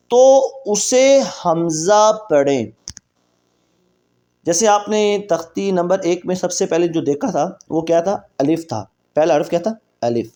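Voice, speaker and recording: A man with a Pakistani Urdu accent teaching Quran reading, explaining the rules quickly and then drawing out each letter slowly for practice. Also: sits high, a little mellow. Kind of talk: recorded reading lesson.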